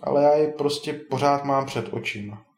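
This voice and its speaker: A man voicing a timid, lovesick young male dwarf who speaks slowly and wonders aloud. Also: medium pitch, natural voice. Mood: puzzled. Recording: roomy echo.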